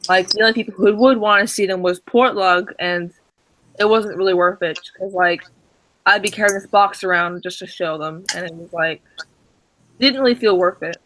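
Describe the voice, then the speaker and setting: A man co-hosting a stream, telling a casual story with many restarts and fillers, and acting out the dialogue with excitement. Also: sits high, moderate pace, rough recording. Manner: acts out quoted dialogue excitedly. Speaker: stream co-host.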